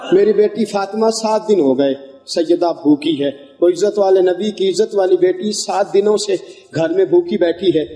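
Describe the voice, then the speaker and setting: A male preacher with a high, dark and mellow voice tells a story in a sermon. His delivery is impassioned, and he often turns to his listeners as friends.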